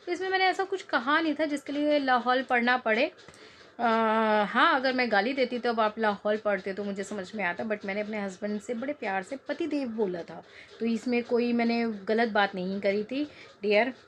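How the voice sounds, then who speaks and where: A woman's voice: fairly high pitch, moderate pace, fairly bright tone, slight background noise. A woman in her thirties chatting casually in a home cooking vlog, rambling and joking as she talks. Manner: chatty, rambling, jokes and laughs. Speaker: cooking vlogger. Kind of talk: casual chat to camera.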